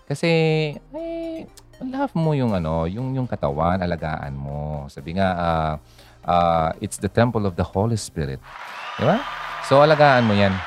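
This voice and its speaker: A man with a low voice hosting a casual radio talk. His pitch rises and falls a lot as he chats. He fills the gaps with "ah" and checks in with quick tags, and faint music plays behind him. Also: sing-song. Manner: chatty, code-switching, many fillers and "ha?" tags. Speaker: radio host.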